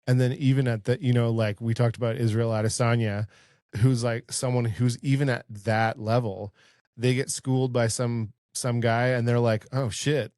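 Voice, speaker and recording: A man with an average-pitched voice co-hosts a podcast, recorded dry and close. His talk is relaxed and meandering, full of small fillers and easy agreement. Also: moderate pace, no echo. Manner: laid-back, loose phrasing with many likes and yeahs. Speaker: podcast co-host. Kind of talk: casual chat.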